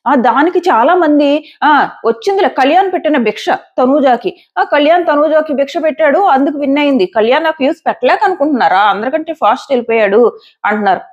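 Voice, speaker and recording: A woman's voice: high voice, lively intonation, a little fast, dull audio. A woman giving casual, emphatic commentary as a show reviewer, arguing her points and repeating them.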